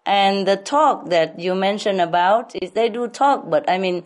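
A woman spiritual teacher answering questions at a public talk, speaking slowly with repetition and frequent laughter. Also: mid-range voice. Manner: slow, repetitive, laughs often.

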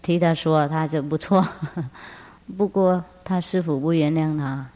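A woman's voice: sits low, fairly even intonation, measured pace, warm tone. A woman spiritual master giving a Buddhist teaching talk, laughing often and asking rhetorical questions. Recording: long hall reverb.

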